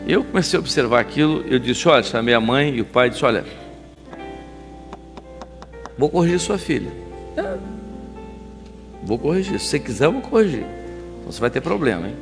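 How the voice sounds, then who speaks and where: A male pastor giving a conversational sermon, animated and telling stories while acting out the scenes. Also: mid-range voice, fast talker, long reverb tail, over music. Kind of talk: sermon with storytelling. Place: church.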